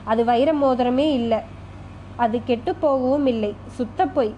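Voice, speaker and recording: A woman's voice: on the high side, measured pace, warm tone, highs cut off, slight background noise, natural voice. A woman voicing a proud poor young man who speaks in a sobbing, outraged way. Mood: hurt, defiant.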